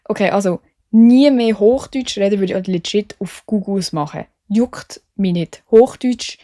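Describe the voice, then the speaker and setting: A woman's voice: medium pitch, a little slow, warm tone, no echo, clean studio sound. A young woman from Switzerland with a Swiss German accent, chatting casually as the host of her solo podcast, self-mocking and full of English slang.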